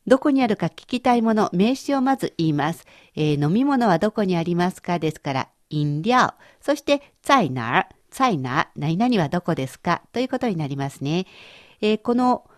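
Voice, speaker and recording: A woman's voice: fairly low pitch, sing-song, normal speed, no room sound, clean studio sound. A woman teaching Chinese vocabulary in a radio lesson, explaining each word patiently and carefully.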